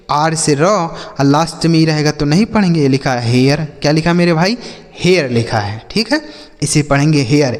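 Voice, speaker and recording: A man gives a reading lesson in a high voice. He keeps asking his students questions and then answers them himself, repeating each point. The room adds a long, ringing reverb. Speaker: English teacher. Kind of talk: Hindi-language reading lesson.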